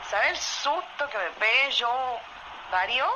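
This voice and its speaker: A woman with an Argentine accent from Salta, telling a true story in a voice message in a lively way, often asking "¿viste?". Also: a little high, measured pace. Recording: muffled voice message with loud noise.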